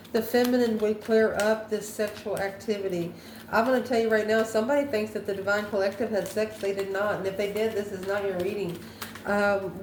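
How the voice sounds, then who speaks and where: A woman's medium-pitched, darkish voice carries through an improvised tarot card reading as she muses aloud and answers her own questions. She's a tarot reader and channel host, heard in an echoey room with faint background noise.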